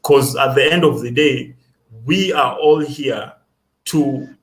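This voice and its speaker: A young man with a Kenyan accent, a student guest answering interview questions in an earnest, self-assured way. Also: mid-range voice. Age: young adult. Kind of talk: casual interview.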